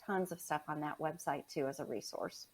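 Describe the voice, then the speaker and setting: A woman guest on a podcast about pet loss, telling stories in a lively way and acting out what people said. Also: low-pitched, normal speed. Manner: animated, acts out quoted dialogue. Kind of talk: conversational storytelling.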